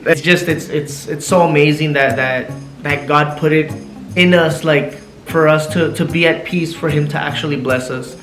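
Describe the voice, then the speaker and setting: A man, a husband and family vlogger, telling a personal story to the camera in a casual, excitable way, repeating himself and slipping into Spanish now and then. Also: on the high side, moderate pace. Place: living room at home. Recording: echoey room with soft music.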